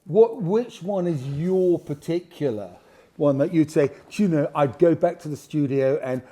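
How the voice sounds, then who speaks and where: A man's voice: fairly high pitch, normal speed, mellow. A man hosting a casual interview with his father, asking questions with frequent hesitant restarts. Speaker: podcast host, son of guest.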